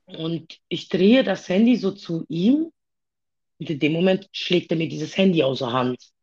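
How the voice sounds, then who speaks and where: A woman talking haltingly about her own past in a personal conversation, with many pauses and fillers. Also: on the low side, a little mellow, breathy edge, dull audio.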